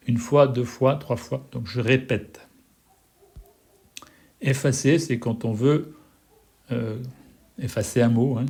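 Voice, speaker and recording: A man explains classroom instructions at a very slow, deliberate pace. His pitch sits in an ordinary middle range. He is patient and repeats words, spelling them out letter by letter. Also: darkish tone. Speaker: French teacher.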